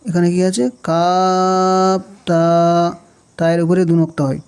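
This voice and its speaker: A man with a Bangladeshi Bengali accent who teaches Quran reading, slowly naming letters one by one and repeating them patiently. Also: high voice, little pitch movement, a little mellow, clear, resonant tone.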